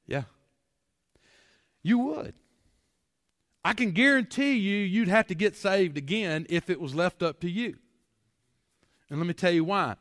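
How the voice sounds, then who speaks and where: A man's voice: sits high, animated, moderate pace, a bit bright, no room sound, clean studio sound, in a large hall. A man preaching a sermon to his congregation, folksy, full of rhetorical questions and repeated words. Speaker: pastor. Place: church sanctuary.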